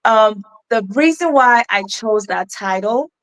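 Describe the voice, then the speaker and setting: A woman's voice: fairly high pitch, animated, unhurried. A middle-aged woman from Ghana with a West African accent, telling her life story as an interview guest in an earnest, reflective way with many restarts. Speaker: guest, keynote speaker.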